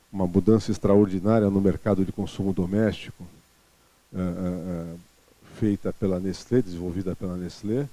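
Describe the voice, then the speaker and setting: A man's voice: lowish voice, warm tone, no room sound. A man in his sixties from Brazil gives a seminar talk on a handheld mic, conversational and full of fillers and restarts. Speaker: lecturer. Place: small lecture room with seated audience.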